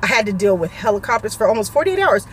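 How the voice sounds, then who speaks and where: A middle-aged woman vlogger giving a halting, emotional personal update, close to tears. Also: medium pitch, sing-song, a little hiss or hum. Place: suburban home.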